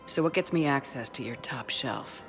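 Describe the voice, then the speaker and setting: An actress playing a composed, firm military space commander in a video game, terse and probing. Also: female voice, very deep voice, lively intonation, normal speed. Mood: cool, businesslike. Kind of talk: dramatic video game dialogue. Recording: music behind the voice.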